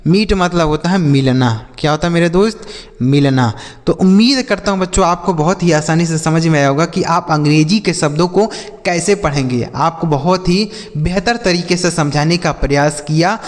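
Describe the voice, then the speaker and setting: A man with a Hindi accent teaching children to read English, spelling out letters slowly and then asking and answering his own questions. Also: fairly high pitch, in a large hall.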